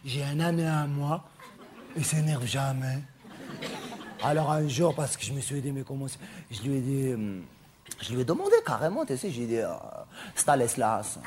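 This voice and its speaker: A man's voice: medium pitch, lively intonation, normal speed, darkish tone, slight background noise, lightly acted. A man performing a stand-up monologue as a vain, chatty, flamboyant male cabaret performer who snaps at hecklers. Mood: gossipy. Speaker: comedian.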